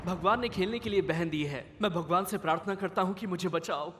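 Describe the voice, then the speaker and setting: A man's voice: sits high, brisk, background noise, lightly acted. A man voicing a newborn baby boy who narrates his fears in a wry, self-pitying dubbed film narration.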